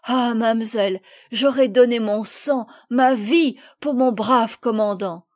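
A woman reading the lines of an emotional, rough sailor in a storybook, with a bright voice in a dry room. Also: on the high side, a little slow, no room sound. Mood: effusive. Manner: effusive, exclaiming. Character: sailor, middle-aged man, rough, emotional.

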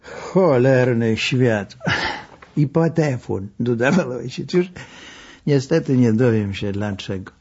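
Slow gravelly older man reading memoirs. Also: mid-range voice, lively intonation, a little mellow. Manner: wry, slow, gravelly storytelling. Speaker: memoir narrator. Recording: dull lo-fi recording.

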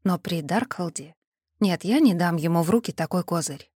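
A woman narrating a first-person fantasy audiobook in a measured, expressive manner. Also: lowish voice, breathy edge, no echo, studio quality.

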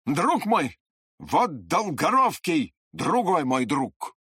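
A reader voicing a tall, cynical young man who mumbles bluntly and sometimes shouts. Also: mid-range voice, sing-song, measured pace, husky, no room sound, studio quality, pitched above the performer's own voice, heavily acted.

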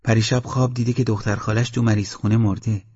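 A weary village aunt, read by a man in a storybook, plain and matter-of-fact. The voice is low and husky. The recording is dull and lo-fi. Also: little pitch movement, darkish tone. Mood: flat resigned.

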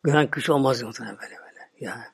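A Turkish man preaching a religious talk, slow and repetitive, often dropping to a murmur or whisper. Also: medium pitch, creaky, husky. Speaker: Islamic preacher.

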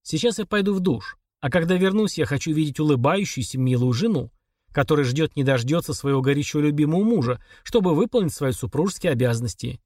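A man reading an audiobook, voicing a cold, sadistic husband who talks calmly and sarcastically. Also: a little high, quick pace, no echo, clean studio sound. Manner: calm, flat, sarcastic.

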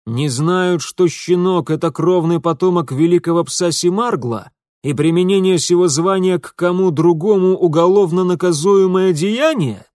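A man's voice: medium pitch, measured pace, few pauses, darkish tone, no echo, studio quality, lightly acted. A man voicing a haughty aristocratic nobleman who lectures in a cold, formal way. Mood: stern.

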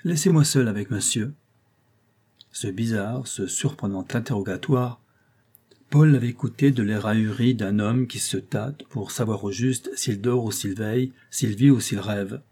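Dark, husky male audiobook narrator. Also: lowish voice, normal speed. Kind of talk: scripted narration of a classic novel.

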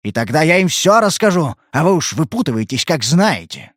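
A man reading an audiobook, voicing a gruff, irritable male detective who talks in a curt, blunt way. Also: a little high, very animated, a little fast, no echo, clean studio sound, pitched above the performer's own voice. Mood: angry.

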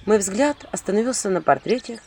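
A woman's voice: mid-range voice, animated, brisk, dark tone, a little hiss or hum. A woman narrating an audiobook in the first person, with a wry, ironic storytelling manner.

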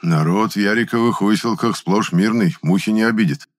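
A man's voice: fairly low pitch, unhurried, close to an everyday voice. A man voicing a cautious, evasive male sect leader who speaks carefully and preachily. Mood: cagey, preachy.

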